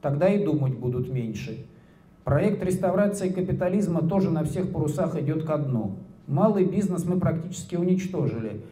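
Man reading as a cynical official, smug, mock-solemn speechmaking, very dark mellow voice, roomy echoing hall. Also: a little high, expressive, moderate pace, close to an everyday voice. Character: smug cynical male ruling official addressing colleagues. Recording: roomy hall with handheld mic.

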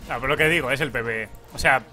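A man's voice: mid-range voice, racing, sharp tone. A young man from Spain with a Spanish accent, chatting casually over his gameplay, laughing and swearing at the lag. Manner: laughing, swearing, mock pleading at the game. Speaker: gaming YouTuber. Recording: faint music behind.

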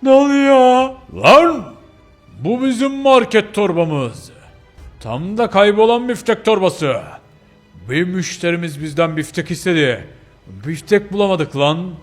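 A man's voice: high voice, very animated, a little slow, faint music behind, pitched above the performer's own voice. A man voicing an angry Rottweiler market guard dog demanding answers in a game role-play. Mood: accusing. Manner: gruff, accusing.

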